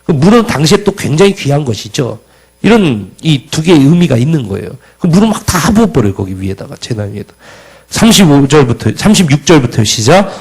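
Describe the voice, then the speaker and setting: A man's voice: on the high side, big pitch swings, a little fast, slightly rough, poor audio. A man preaching a sermon, questioning the congregation and reading scripture aloud with emphatic rises. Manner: asks the congregation questions, loud emphatic peaks.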